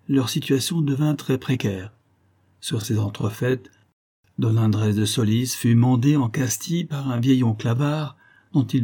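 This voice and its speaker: A man narrating a literary audiobook in a measured, expressive storytelling manner. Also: mid-range voice, husky.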